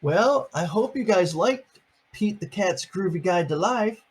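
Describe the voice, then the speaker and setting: This grandfather has a high, husky voice and sounds animated yet unhurried. He reads a picture book aloud to his grandchildren, chatting and explaining each page plainly.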